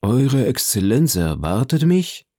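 A man's voice: medium pitch, sing-song, takes it slowly, dark tone, dry recording, studio quality, pitched above the performer's own voice. A man reading aloud voices a nervous, timid old Italian ex-soldier who answers with wondering questions. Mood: uneasy, wondering. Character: elderly timid Italian ex-major, nervous and eager.

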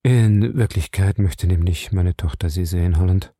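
A man's voice: low-pitched, normal speed, warm tone, dry recording, studio quality, voice pushed down. A man reading an audiobook, voicing a tired, dejected wealthy father. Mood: weary. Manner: weary.

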